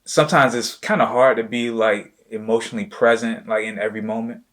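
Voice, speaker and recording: A man's voice: mid-range voice, fairly even intonation, a little fast, fairly bright tone. A man hosting a casual chat with his wife, talking loosely and informally with plenty of "you know" and "like" fillers. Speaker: host, entrepreneur.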